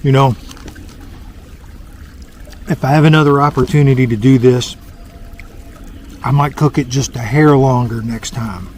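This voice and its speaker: A man's voice: mid-range voice, unhurried, pauses often, a little mellow, slight background noise. A man vlogging on a hike, giving a mock-serious, savoring food-critic review outdoors by a lake. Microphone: small handheld camera.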